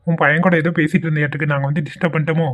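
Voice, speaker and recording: A woman doing a deep-voiced friendly uncle. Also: little pitch movement, racing. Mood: teasing. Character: friendly adult uncle visitor.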